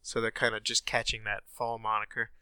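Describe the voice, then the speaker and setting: With a sinus infection leaving him stuffy, this man reads news on the gaming podcast he co-hosts, chatting casually and filling gaps with ums and uhs. His voice is lowish and completely flat, a little fast, sharp yet smooth, with no echo.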